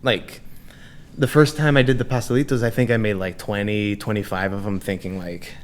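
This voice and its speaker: A man from Texas talking as a guest chef on a podcast, relaxed, with frequent laughs and fillers. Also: fairly low pitch, a little fast. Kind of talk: casual podcast chat.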